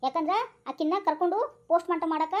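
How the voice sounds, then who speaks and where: A woman's voice: very high voice, flat delivery, racing, darkish tone, muffled recording. Woman playing a bossy North Karnataka police inspector. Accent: North Karnataka Kannada. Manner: scolding, bossy, teasing. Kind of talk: comic skit acting.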